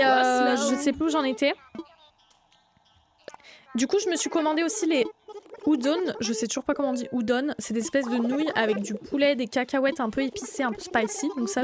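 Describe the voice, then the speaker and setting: A young woman with a high voice chats casually on a live stream, greeting viewers one by one. She often breaks into excited, louder outbursts before calming down again.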